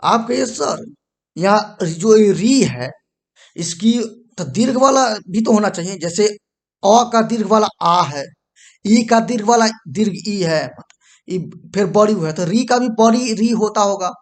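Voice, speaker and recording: A man with a high, lively voice leads a whiteboard grammar lesson. Repetition is constant, he frequently checks understanding with "ठीक है," and he pauses now and then to correct and erase the board.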